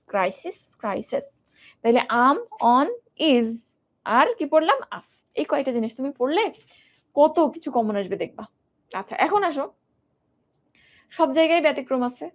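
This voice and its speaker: A young woman with a notably high voice teaches an exam-prep grammar lesson. She talks in a lively way, asks her students questions and repeats words over and over as drills. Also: moderate pace, long pauses.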